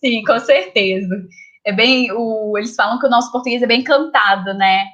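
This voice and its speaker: A woman teacher with a high voice moderates an online talk and readily agrees with her guest. Her audio is muffled and lo-fi, as over a video call. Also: moderate pace, a bit bright.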